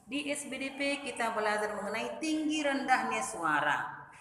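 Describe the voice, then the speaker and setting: A woman primary school teacher giving a recorded lesson, addressing young children in a sing-song, drawn-out teacherly way. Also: fairly high pitch, animated, sharp tone, a little hiss or hum. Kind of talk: recorded online class lesson. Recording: echoey room with long reverb.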